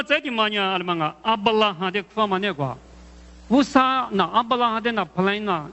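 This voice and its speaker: A man delivers a sermon in a high voice, halting and repeating himself as he puts questions to the listeners. The sound is muffled and dull, with a long echo from a large hall. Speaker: preacher.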